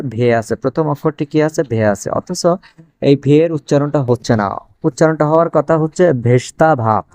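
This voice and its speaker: A man's voice: fairly high pitch, mellow, no echo. Male teacher for a casual spoken lesson, repeats and translates patiently; dry, close recording. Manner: repeats phrases slowly, translating each word. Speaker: Russian language teacher.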